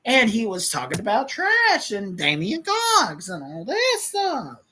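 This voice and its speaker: Woman livestream host, rambling and profane, bright lively delivery with a slightly high voice. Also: a little slow, a little hiss or hum, low-quality recording. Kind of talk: casual livestream storytelling.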